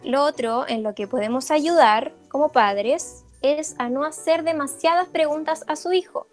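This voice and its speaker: A woman giving a parent workshop like a speech therapist, explaining in an informal lecture with frequent fillers and quick check-ins. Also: high-pitched, faint music behind. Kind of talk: informal lecture over slides.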